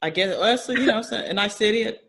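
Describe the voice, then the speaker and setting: A man's voice: sits high, quick pace, a bit bright, rough recording. Chatty man talking sports. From American South. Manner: chatty, restarts often, laughs easily. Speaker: podcast co-host. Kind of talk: casual sports chat.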